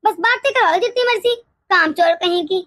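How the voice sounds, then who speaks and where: A woman voicing a harsh, scolding older mother-in-law in an animated story, nagging and sharp-tongued. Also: extremely high pitch, a little fast, no echo, clean studio sound.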